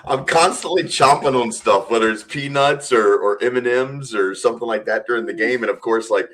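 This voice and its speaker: A man's voice: medium pitch, brisk, fairly bright tone, slight background noise. A man who works as a stadium announcer, answering interview questions in a chatty way and laughing often. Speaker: stadium public address announcer, guest.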